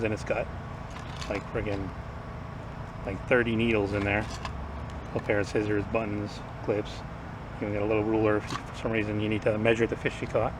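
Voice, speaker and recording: A man casually rambling through survival gear as a vlogger, offhand, his speech slightly off after having teeth pulled. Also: lowish voice. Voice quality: slightly impaired speech after tooth extraction. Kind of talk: casual product rundown to camera. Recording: distant mic, noisy outdoor ambience.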